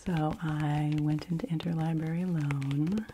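Woman, 40s, low-pitched, soft ASMR half-whisper as in a library, unhurried, hissy close-mic recording. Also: steady tone. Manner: hushed, gentle, slow, often dropping into an unvoiced whisper. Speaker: ASMR video creator reviewing library books. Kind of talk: soft-spoken ASMR book talk in a near-whisper, like a library whisper. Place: small home room with a bookshelf. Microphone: fur-covered microphone close in front of her.

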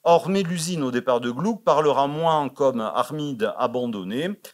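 A man reads out a scholarly paper at a conference in a library auditorium. His steady lecturing is broken by frequent "hein" and "euh". When he quotes verse, he lifts his voice into a more declamatory reading. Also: mid-range voice, unhurried. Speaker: conference speaker. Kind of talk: academic conference talk.

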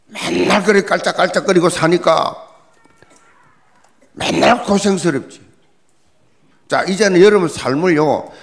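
A middle-aged male pastor, preaching a dawn prayer sermon, repeating key words and firing questions at the congregation. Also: sits high. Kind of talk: early-morning prayer sermon.

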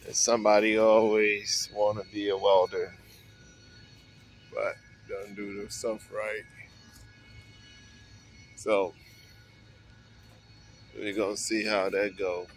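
A mobile welder in his forties chats casually to the camera in a laid-back, unhurried manner while working outdoors on a job site beside a truck. His voice is on the low side with a level tone, and soft music plays behind him. He's recorded on a handheld phone camera with a wireless earpiece.

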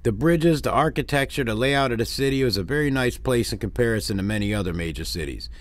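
A man's voice: medium pitch, lively intonation, fast talker, no echo. A man from Detroit narrating a family road-trip vlog in a plainspoken, wry way, with dry complaints. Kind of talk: narrated travel recap.

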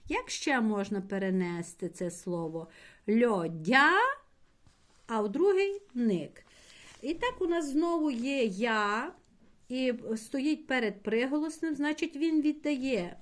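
Slow, patient woman teacher. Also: a little high. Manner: slow, patient explaining, addressing pupils directly; spells out words syllable by syllable. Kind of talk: primary school language lesson.

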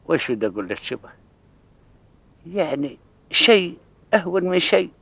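An actor in his sixties playing a kindly old father in a television drama, with a Bedouin Arabic accent and a paternal, measured manner. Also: on the high side, big pitch swings, gravelly, fairly bright tone, slightly rough, no echo, exaggerated voice. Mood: gentle, solemn. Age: 60s.

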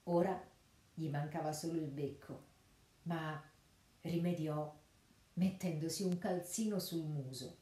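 Mellow-voiced woman reading a fairy tale. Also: sits low, a little slow, long pauses. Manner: expressive, lively storytelling. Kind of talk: storybook narration. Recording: roomy echo.

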